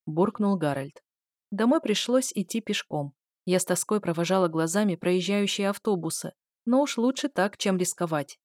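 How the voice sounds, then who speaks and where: A woman's voice: medium pitch, darkish tone, no room sound. Woman narrating a first-person audiobook, wry and sarcastic, close mic, super dry sound.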